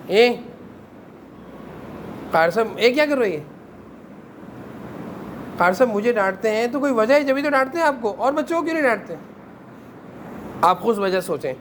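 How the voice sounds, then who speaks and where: A man's voice: sits high, a little hiss or hum. A man teaching a class of children at a madrasa, sternly correcting them and making them answer together.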